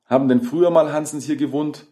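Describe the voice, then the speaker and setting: A man's voice: fairly high pitch, voice pushed up, natural voice. A man doing a courteous antique dealer. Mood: puzzled. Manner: courteous, deliberately calm. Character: polite, gentlemanly male antique dealer.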